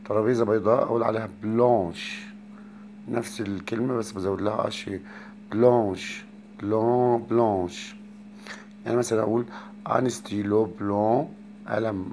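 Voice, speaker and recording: A man with an Egyptian Arabic accent teaching a lesson, repeating each word slowly and carefully. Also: lowish voice, gravelly, darkish tone, a little hiss or hum. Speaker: French teacher. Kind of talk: spoken lesson.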